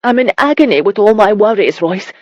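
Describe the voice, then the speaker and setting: Brief: frightened young noblewoman read by a woman, breathless and high-strung, in a dry room. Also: expressive, brisk, a little mellow, no room sound, natural voice. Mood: distressed.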